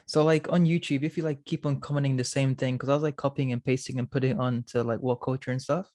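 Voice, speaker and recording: A man's voice: mid-range voice, fairly even intonation, fast talker, darkish tone. A young man in his twenties co-hosting a podcast, chatting casually with lots of filler words. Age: 20s. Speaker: podcast co-host. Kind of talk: casual chat.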